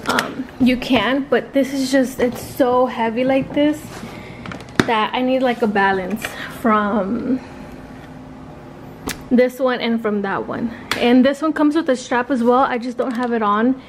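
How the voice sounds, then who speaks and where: Chatty woman vlogger, higher voice. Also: steady tone, a little slow, noisy background. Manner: chatty, many fillers like "um" and "like". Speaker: freelance makeup artist. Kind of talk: casual vlog talk.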